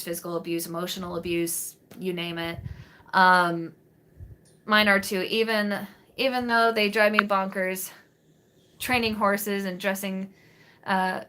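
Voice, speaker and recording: A woman's voice: mid-range voice, pushed and bright, a little hiss or hum. A woman in her late twenties chatting casually on a live stream to her viewers, rambling with lots of fillers and restarts, recorded on a webcam in a small bedroom. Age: 20s. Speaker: vlogger answering live chat. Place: small bedroom in front of a green wall.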